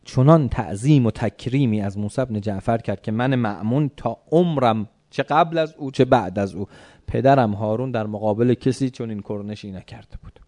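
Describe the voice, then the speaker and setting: A man in the middle of a sermon, narrating a story with a warm, mellow voice of ordinary pitch. He swings between hushed passages and loud, declaiming bursts, and now and then turns to address his listeners directly. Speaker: preacher.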